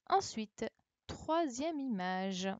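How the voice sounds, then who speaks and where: Teaching a primary class by live stream from home, a woman speaks extremely slowly to the children, correcting them patiently and repeating each answer with encouragement. Her fairly high, slightly mellow voice swings widely in pitch, and the computer-mic audio is muffled but free of echo.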